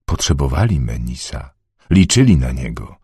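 Low, husky male audiobook narrator. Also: no echo. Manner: measured, expressive reading.

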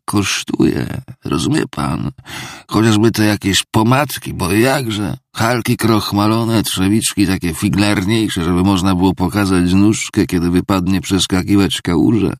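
A man putting on a drunken, self-pitying old clerk who rambles through a theatrical confession, his gravelly, husky voice pushed up well above the reader's own. He begs and harangues, dry and close to the mic, as in an audiobook. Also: on the low side, a little slow, no echo, pitched above the performer's own voice. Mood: bitter, agitated. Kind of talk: audiobook character reading.

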